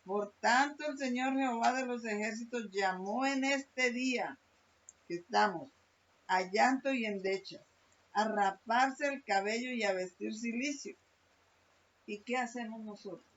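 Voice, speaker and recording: Woman leading a Bible study, dull recording. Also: fairly high pitch. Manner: reads scripture slowly, rising emphatic, asks group questions. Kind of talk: home Bible study sermon. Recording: dull lo-fi recording with faint hiss.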